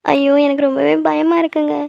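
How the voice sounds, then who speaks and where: A woman's voice: sits high, level tone, fairly quick, creaky, darkish tone, dry recording. A woman voicing a hot-tempered young woman in a cartoon who lectures her friends at length. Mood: frightened. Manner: scolding, lecturing, then frightened. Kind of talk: cartoon voice acting. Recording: dull lo-fi dry recording.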